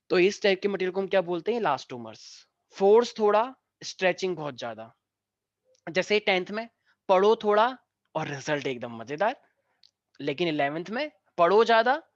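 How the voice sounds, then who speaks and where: A male physics teacher, teaching a class online, who mixes jokey stories into the lesson and dictates notes slowly. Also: high voice, lively intonation, no echo. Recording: dry, dull lo-fi sound.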